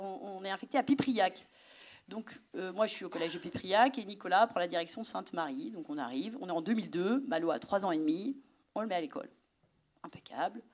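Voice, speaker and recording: Femme d'âge mûr qui raconte son vécu devant un public, très vivante, chuchote parfois. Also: female voice, mid-range voice. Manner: animated storytelling, drops to a whisper for inner thoughts. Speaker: speaker giving a testimony. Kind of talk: personal testimony to an audience.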